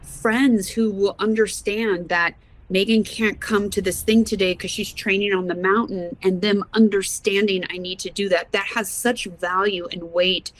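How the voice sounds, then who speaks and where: A woman's voice: mid-range voice, rough recording. A woman guest in an interview, a mountaineer speaking earnestly and often laughing. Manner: earnest, laughs often, leans on words for emphasis. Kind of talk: casual interview talk.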